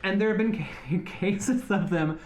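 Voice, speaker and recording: A man's voice: high-pitched, unhurried, darkish tone, a little hiss or hum. A man on a casual podcast, eagerly explaining animal facts with jokes. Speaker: guest.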